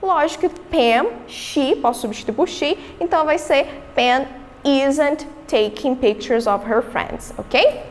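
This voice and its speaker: A woman's voice: high-pitched, slow pace, in a large hall. A woman with a Brazilian Portuguese accent, an English teacher giving a recorded remote lesson, explaining step by step and answering her own questions.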